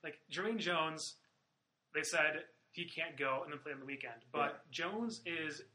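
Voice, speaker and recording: A man's voice: a little high, a little slow, pushed and bright, low-quality recording. A man hosting a casual sports podcast, talking loosely with lots of fillers and swearing. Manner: loose, profane, filler-heavy. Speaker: podcast host.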